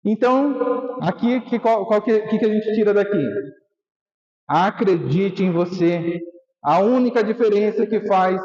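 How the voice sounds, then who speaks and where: A motivational speaker with a high-sitting, darkish voice gives an emotional talk on stage, telling his story and acting out scenes he remembers. The dull lo-fi live recording has a long reverb tail.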